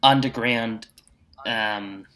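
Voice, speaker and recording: A man's voice: medium pitch, very slow, fairly bright tone, low-quality recording. An Australian man co-hosting a casual podcast chat with his mates, talking in matey, slangy Aussie tradesman fashion. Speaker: podcast co-host.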